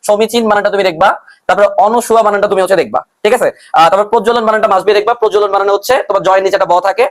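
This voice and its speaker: A young man teaching a brisk online exam-prep lesson, repeating his points and mixing English words into his speech. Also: high voice, fairly even intonation.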